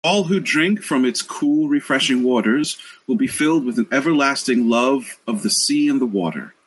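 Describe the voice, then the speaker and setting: A man voicing a kindly earth mother goddess in a tabletop game, speaking in a warm, serene, gracious manner. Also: medium pitch, lively intonation, normal speed, husky, voice pushed up, rough recording. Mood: serene, benevolent.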